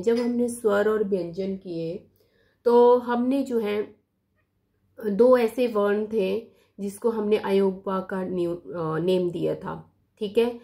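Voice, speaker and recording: A woman teaching a grammar lesson at an unhurried pace. She repeats key terms so they sink in and slips English words into her sentences. Her pitch sits in an ordinary middle range. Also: warm tone. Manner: mixes English words into speech.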